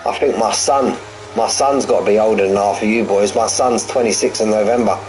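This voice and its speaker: A lowish, darkish, steady male voice comes through a little fast, on a low-quality recording with a little hiss or hum. He's a sim racing streamer in his forties giving live race commentary, chatty and joking, with repeated phrases and viewer banter between the action.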